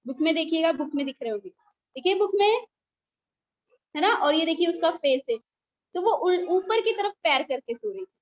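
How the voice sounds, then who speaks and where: A woman teacher with a very high voice reads a story to small children over a video call. She goes slowly, repeats every line and keeps asking them questions. The sound is dull and lo-fi. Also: expressive. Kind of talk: online class story reading.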